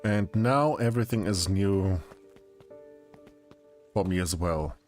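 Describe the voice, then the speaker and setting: A male streamer with a lowish voice reads a story game's dialogue aloud. He talks casually and adds quick asides, with loud game music playing underneath.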